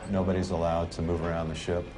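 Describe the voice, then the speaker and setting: A man, a former navy crew member, explaining procedure in a halting, matter-of-fact interview manner. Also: sits low, level tone. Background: music.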